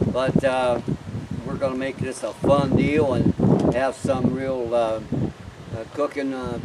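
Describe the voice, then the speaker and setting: A man with a folksy, rambling way of telling things, speaking informally like a storyteller. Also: mid-range voice. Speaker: cowboy storyteller and event organizer. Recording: distant mic, outdoor wind and traffic noise.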